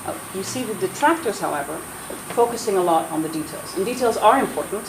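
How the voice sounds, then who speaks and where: A woman from the Netherlands who was raised in the US speaks with an American accent as a panelist at a roundtable, arguing earnestly and persuasively with many restarts. Her mid-range voice is animated and quick, recorded in an echoey room with noise.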